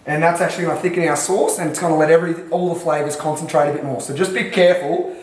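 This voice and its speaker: An Australian man hosts a pretend cooking show in his home kitchen as a vlogger, lecturing viewers with cocky swagger and plenty of swearing. His voice is a little high, rapid-fire, and fairly even in intonation, and the kitchen echoes.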